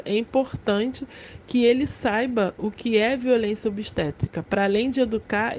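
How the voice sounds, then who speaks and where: A Brazilian woman in her late thirties, a nurse, explaining her field in a measured, instructive way. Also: a little high, darkish tone, a little hiss or hum. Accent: Brazilian Portuguese. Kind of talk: explanatory interview.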